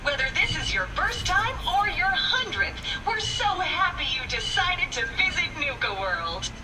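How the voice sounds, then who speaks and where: A woman voicing a cheerful female robot park guide with a metallic robotic filter, chattering in a sales-pitch patter broken by system errors. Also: sing-song, a little slow, heavily acted. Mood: chipper. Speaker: informational robot assistant. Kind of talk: video game dialogue. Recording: distant game audio over music.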